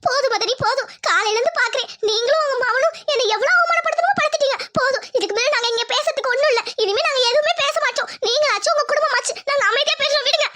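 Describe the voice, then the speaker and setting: A spiteful, scheming village sister-in-law in a cartoon family drama, acted by a woman. She argues and taunts in a piercing, very high, bright voice. She fires off her lines at speed. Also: rapid-fire, few pauses, a little hiss or hum. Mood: indignant. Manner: taunting, argumentative.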